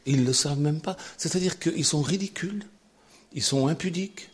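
A man preaching a sermon in an animated way, swinging from loud exclamations to near-whispers. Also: on the high side, fairly quick, husky.

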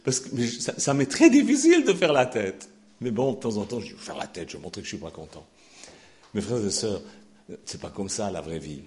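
An older man delivers a sermon in a chapel, his voice rising and falling in wide, lively swings of pitch. He talks expressively, laughing between points and dropping to a hush before calling out again. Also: a little fast. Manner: warm, expressive preaching with laughter and sudden shifts between loud and hushed. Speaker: pastor.

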